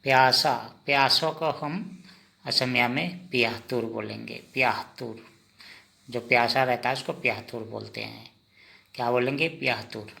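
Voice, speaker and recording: A man teaching vocabulary in a slow lesson, asking the listener each word and then repeating the answer. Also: mid-range voice, steady tone, gravelly, bright, forceful tone. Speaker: language teacher.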